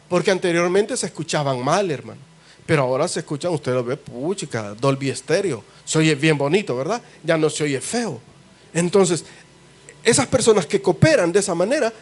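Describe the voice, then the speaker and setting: A man with a Salvadoran Spanish accent preaching a sermon in a church, folksy and joking as he tells the story. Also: sits high. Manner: folksy, joking asides with laughter. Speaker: pastor.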